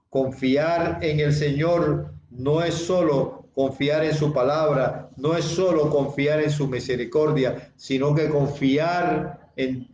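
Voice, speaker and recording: Male pastor, fairly high voice, unhurried sermon delivery, repeats lines for weight; echoey, dull lo-fi sound. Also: darkish tone, a little hiss or hum. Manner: slow and deliberate, repeating key phrases and addressing listeners directly.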